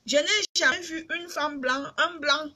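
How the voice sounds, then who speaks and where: A woman's voice: sits high, a little slow, pushed and bright. A middle-aged woman from Cameroon with a Cameroonian accent, chatting casually and emphatically to her fans on a live video stream. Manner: emphatic, repetitive, addresses fans directly.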